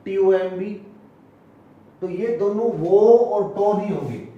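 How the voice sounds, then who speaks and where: A man with an Indian accent teaching English pronunciation, spelling out words letter by letter and repeating each one slowly. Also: high-pitched, dull audio. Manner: slow and deliberate, repeating each word. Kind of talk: classroom lesson, spelling out words. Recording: echoey room, voice from far off.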